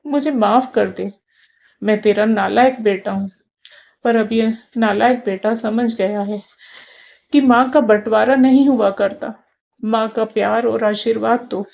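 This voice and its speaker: A woman's voice: a little high, gravelly, a little mellow, dull audio. A woman narrating a scripted moral story in an emotive storytelling manner.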